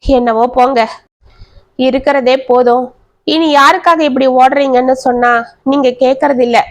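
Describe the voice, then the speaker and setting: A woman's voice: high voice, fairly even intonation, moderate pace. A woman voicing a worried young wife who pleads anxiously with her husband, in a storybook reading. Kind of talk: storybook narration.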